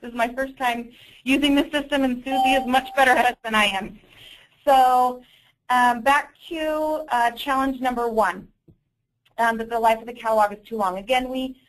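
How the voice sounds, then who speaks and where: A woman with a fairly high voice presents a business training webinar over a conference call. She explains things informally and often corrects herself mid-sentence. She comes across as slightly apologetic throughout. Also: steady tone, normal speed, poor audio. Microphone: conference call audio.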